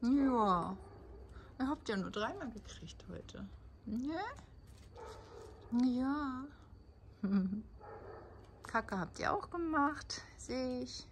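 A chatty older woman vlogging casually, often dropping to a soft whisper as she talks to cats and dogs, filmed on a handheld phone. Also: fairly high pitch, lively intonation, very slow, long pauses, slight background noise. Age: 60s. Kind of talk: casual vlog chat. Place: outdoors, then at home at night.

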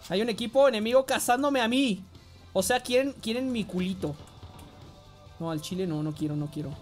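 A man with a Mexican accent giving excitable live gameplay commentary, swearing and often yelling. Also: high-pitched, normal speed, soft background music. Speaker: game streamer.

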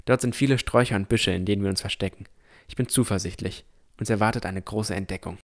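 In an audio drama, a man with a lowish voice plays a cautious, earnest boy who narrates his own fantasy adventure. He speaks quickly and acts it lightly, giving reflective first-person scripted narration along with dialogue.

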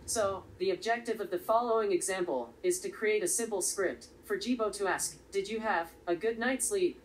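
A woman's voice: mid-range voice, moderate pace. Woman narrating a coding tutorial, slightly distant. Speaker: tutorial presenter. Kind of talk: step-by-step software tutorial narration. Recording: slightly distant voice with faint background noise.

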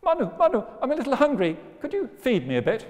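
A man voicing a tiny talking fish that pleads for help in a small, squeaky voice. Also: huge pitch swings, quick pace, darkish tone, full character voice. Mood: pleading. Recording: long hall reverb.

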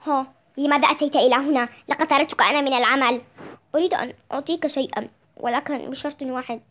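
A young reader voicing a proud, short-tempered king who loudly orders people about. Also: high-pitched, fairly even intonation, fast. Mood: haughty.

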